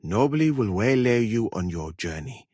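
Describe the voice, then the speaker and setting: An actor playing a learned, proud Malian court physician in a medieval video game, speaking in a formal, courteous, dignified way. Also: male voice, on the low side, animated, moderate pace, darkish tone, slightly rough, no echo, studio quality. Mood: grave, measured. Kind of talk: video game character dialogue.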